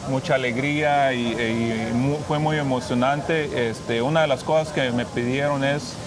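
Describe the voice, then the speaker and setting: A man's voice: mid-range voice, steady tone, a crowd in the background. Mexican-born priest telling his story. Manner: halting, many restarts and fillers. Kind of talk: interview guest, personal testimony. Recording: noisy background.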